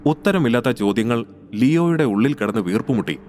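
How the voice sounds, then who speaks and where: A man reads scripted audiobook narration in a steady, measured voice of middling pitch. There is a faint layer of noise behind him.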